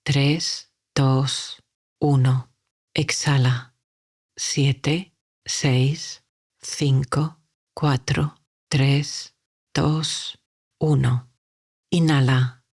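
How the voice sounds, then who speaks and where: A woman guiding a sleep meditation, talking softly and calmly with long unhurried pauses. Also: extremely low pitch. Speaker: meditation guide.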